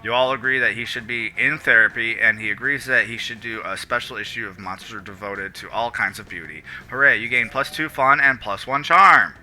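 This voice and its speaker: A young man reads a text game aloud on a stream, joking between lines and putting on goofy voices for the characters. His voice is very bright and forward, with faint music playing behind him. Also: medium pitch, brisk, few pauses. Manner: playful, joking, switches into silly character voices.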